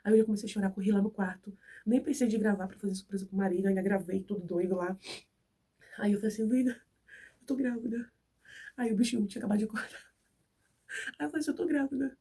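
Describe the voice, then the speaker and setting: A woman's voice: medium pitch, fairly even intonation, rapid-fire, dark tone, breathy edge, far from the mic. A young Brazilian woman with a cold, chatting to her viewers as she tells a personal story and acts out who said what. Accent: Brazilian Portuguese. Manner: chatty, acts out dialogue in the retelling. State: has a cold. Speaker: vlogger.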